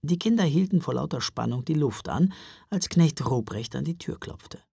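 A man narrating a children's story in an expressive, storybook manner. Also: on the high side, moderate pace, gravelly, breathy edge, no room sound, clean studio sound. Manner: expressive, wide-ranging delivery.

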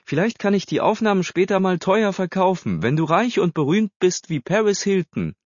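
A man's voice: mid-range voice, sing-song, moderate pace, dry recording. A man voicing a cocky, sporty teenage boy in a storybook reading, bold and teasing. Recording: slightly dull dry recording.

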